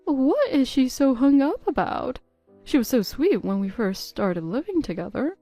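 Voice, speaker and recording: Woman doing nosy middle-aged friend, lively up and down, mellow dry voice. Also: high-pitched, a little slow, no room sound, faint music behind, exaggerated voice. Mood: chatty. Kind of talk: text-story voice acting.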